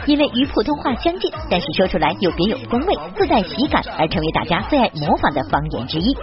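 A woman's voice: medium pitch, very animated, fast talker. A woman reading scripted narration for an entertainment news report. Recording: slightly dull sound over loud music.

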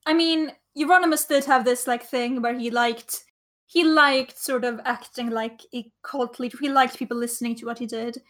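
A woman's voice: a little high, fairly even intonation, normal speed, fairly bright tone. A woman co-hosting a casual comedic podcast chat, rambling and swearing freely. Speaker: podcast co-host.

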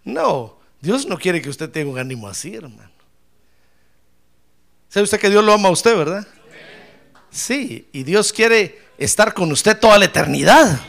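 A man's voice: high voice, sing-song, unhurried, creaky, pauses often, a bit bright. A man preaching a sermon, stretching key words and calling on the congregation to repeat them. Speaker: pastor.

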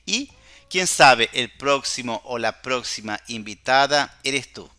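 A man's voice: mid-range voice, measured pace, pushed and bright. A man hosting a language podcast, explaining a recipe step by step as a Spanish teacher and constantly checking in with short tag questions. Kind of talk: slow explanatory recipe lesson. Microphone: podcast microphone.

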